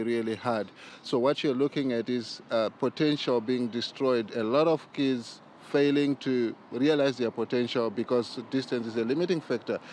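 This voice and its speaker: A man's voice: medium pitch, darkish tone, a little hiss or hum. Earnest man, emphatic guest. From Zimbabwe. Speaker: interview guest. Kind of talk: news interview.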